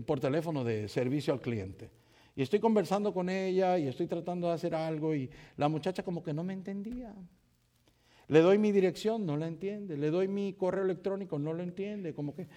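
A man's voice: on the high side, mellow. A man who is a pastor, preaching a sermon in storytelling style and speaking directly to his congregation.

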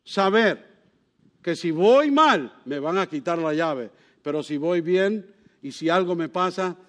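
A man's voice: high-pitched, slow. A man preaching a sermon, telling stories with sudden exclamations and asking his listeners questions. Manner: animated storytelling with sudden exclamations; asks the congregation questions.

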